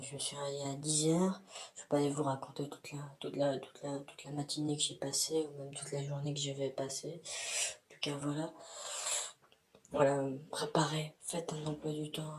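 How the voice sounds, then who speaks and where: A man talking through a voice-disguising filter, rambling frankly to his community with many hesitations, from his bathroom. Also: on the high side. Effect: voice disguised with an altering filter. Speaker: YouTuber addressing his community. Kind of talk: casual rambling vlog.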